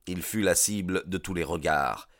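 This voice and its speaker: A man narrating a story with measured, scripted storytelling. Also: low voice, a bit bright, no echo, studio quality.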